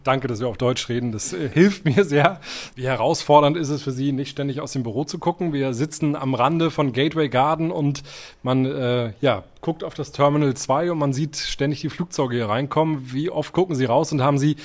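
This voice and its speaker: A man's voice: medium pitch, a little fast. A man conducting an interview in German, asking his questions in a conversational style.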